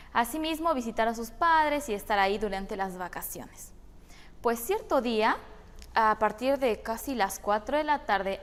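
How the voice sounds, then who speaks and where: A woman with a Peruvian Spanish accent telling a church story to children in a measured way, speaking to them directly. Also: sits high. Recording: long hall reverb.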